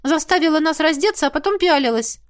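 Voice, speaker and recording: A woman voicing a bold, impulsive young female student mage who talks back quickly. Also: high-pitched, animated, voice pushed up. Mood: indignant.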